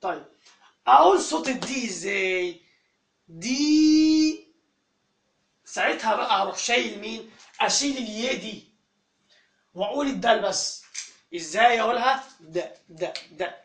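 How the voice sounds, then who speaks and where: A man with an Egyptian accent teaching a phonics lesson to children, quizzing the class and drawing out each sound slowly. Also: sits high, animated, gravelly, a bit bright. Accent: Egyptian Arabic. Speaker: English teacher. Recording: echoey room from far off.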